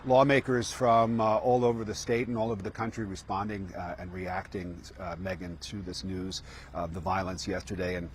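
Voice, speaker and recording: A man reporting live news from the field, ad-libbing with halting pauses mid-sentence. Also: deep voice, level tone. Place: outdoors at the scene. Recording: outdoor street and traffic noise.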